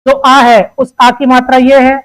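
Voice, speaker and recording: A high-pitched teacher runs an exam-prep grammar lesson. The teacher asks a steady string of questions, answers each one, and addresses the students affectionately as "beta.". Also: measured pace, low-quality recording. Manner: asks questions, answers them itself, calls listeners "beta".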